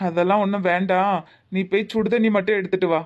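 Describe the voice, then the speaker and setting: A woman voicing a kindly widowed father-in-law who speaks gently and coaxingly, in a Tirunelveli Tamil accent. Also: mid-range voice, steady tone, fast talker, lightly acted. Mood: gentle, coaxing. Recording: slightly muffled lo-fi audio.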